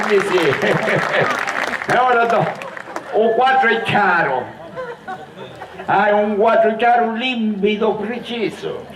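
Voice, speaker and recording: An actor playing an exasperated, slow-witted village father with a Sicilian accent in a live dialect stage comedy, blustering and repeating his exclamations. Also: high-pitched. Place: live theatre performance, distant mic. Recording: echoey stage from far off, audience noise.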